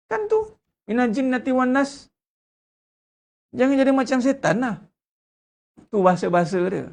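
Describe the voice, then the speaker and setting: A middle-aged man with a Malaysian Malay accent, preaching a sermon in a blunt, lively way and acting out the people he quotes. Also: very high-pitched. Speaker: religious teacher.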